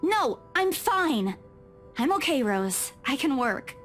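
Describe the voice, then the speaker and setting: A woman's voice: high-pitched, very animated, takes it slowly, soft background music, heavily acted. An actress playing a plucky young female realtor who brushes things off in a visual novel game. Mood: insistent.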